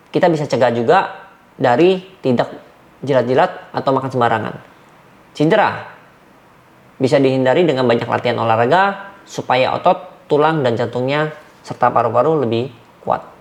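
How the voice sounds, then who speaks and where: A man, a dog trainer giving numbered training tips and acting out sharp commands. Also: mid-range voice. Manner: numbered points, demonstrates commands with sharp shouts.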